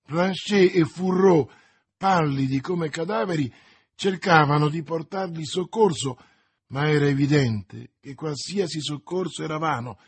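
A man narrating a classic novel, with a husky, rather high voice. He reads slowly and dramatically, weighing each phrase. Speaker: audiobook narrator. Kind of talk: reading a classic novel aloud.

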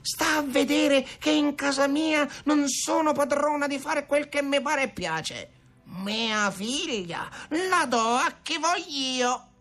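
A man putting on a shrill, fierce village mother. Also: big pitch swings, unhurried, fairly bright tone, full character voice. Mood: indignant shouting. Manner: shrieking, indignant.

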